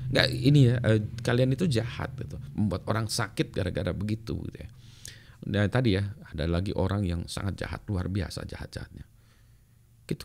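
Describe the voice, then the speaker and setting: A middle-aged man talks through life advice in a loose, unhurried monologue. His voice sits low with a gravelly, creaky edge. He chats along with lots of little fillers and the odd English phrase, breaking into chuckles now and then. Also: darkish tone. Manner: chatty, many fillers like "ya" and "gitu", mixes in English phrases, chuckles often. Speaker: vlogger giving life advice. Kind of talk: casual reflective monologue.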